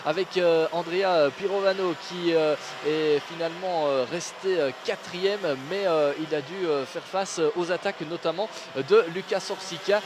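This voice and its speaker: A man giving live motorsport commentary on a kart race in hesitant, drawn-out phrases. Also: on the high side. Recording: clear outdoor engine and track noise.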